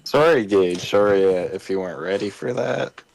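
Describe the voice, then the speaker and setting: A man's voice: lowish voice, normal speed, gravelly, a little mellow. A young man joking and rambling with friends while gaming. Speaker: gamer. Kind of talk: casual gaming banter.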